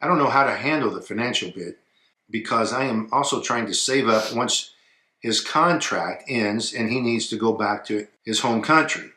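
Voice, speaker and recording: A man co-hosting a casual advice chat, talking in a relaxed way that trails off quietly, and reading a viewer's email aloud. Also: medium pitch, normal speed, reverberant. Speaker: co-host of an advice show.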